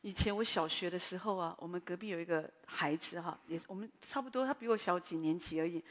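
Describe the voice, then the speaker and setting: A woman's voice: on the low side, fast, long reverb tail. Taiwanese woman pastor, chatty sermon. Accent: Taiwanese Mandarin. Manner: chatty storytelling, animated asides.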